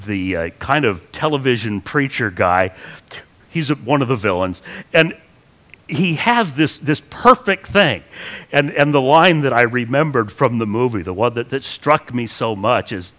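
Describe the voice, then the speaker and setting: A man preaching a sermon in a conversational, lively teaching manner, often restarting his phrases. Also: mid-range voice. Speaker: pastor.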